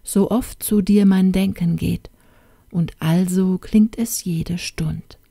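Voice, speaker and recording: A lovesick young gem-cutter from a storybook, gentle and hushed, his words unhurried and low, as a woman reads him aloud. The voice is dark and mellow, close and dry with no room around it. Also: fairly even intonation, vocal fry, slightly rough, no room sound, exaggerated voice. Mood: tender longing. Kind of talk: storybook reading.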